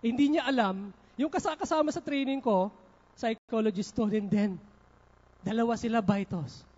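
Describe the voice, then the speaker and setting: A man's voice: extremely high pitch, normal speed, darkish tone. A male pastor preaching a sermon at a church service, telling personal stories with frequent asides to the congregation. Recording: dull lo-fi livestream recording.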